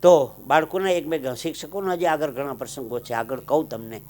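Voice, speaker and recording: Lively comic storyteller man. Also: on the high side. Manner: acts out characters in raised voices, slows for punchlines. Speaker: folk comedian storyteller. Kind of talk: live comic storytelling to an audience.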